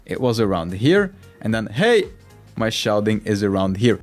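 A man's voice: lowish voice, measured pace, soft background music. A man demonstrating microphone settings live in a tutorial, talking casually and directly to the viewer. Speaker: tech tutorial creator.

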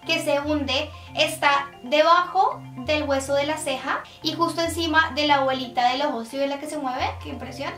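A woman's voice: high-pitched, fairly bright tone. A young woman hosting a casual makeup tutorial, chatty and explaining step by step with lots of diminutives. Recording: echoey room, a bit distant, faint music.

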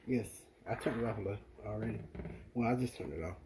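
A man's voice: on the low side, a little fast, noisy background. A man with a Southern US accent hosting a home cooking vlog, talking casually to viewers while he cooks at the stove. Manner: relaxed, talks straight to viewers.

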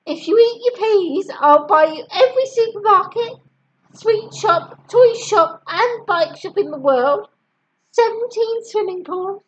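Woman putting on a desperate storybook mum, high-pitched, rushed, pleading, dull lo-fi sound. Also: animated. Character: frantic pleading mother bribing her daughter. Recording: dull lo-fi recording.

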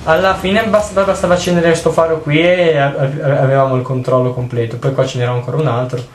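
A young man giving jokey, excitable let's play commentary while he plays, swearing often. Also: a little high, fast talker. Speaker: gaming video host. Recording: roomy with faint noise.

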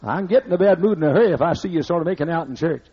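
High-voiced older pastor preaching bluntly. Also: male voice, lively intonation, racing, husky. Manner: blunt, scolding, conversational preaching with asides. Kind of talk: sermon. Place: church sanctuary. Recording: muffled lo-fi archive recording.

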